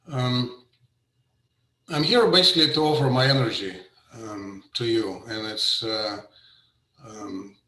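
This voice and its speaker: Halting man in an echoey room. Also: mid-range voice, bright, forceful tone. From Russia. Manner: hesitant, many fillers and restarts. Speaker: painter giving an artist talk. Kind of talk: informal presentation. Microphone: video call.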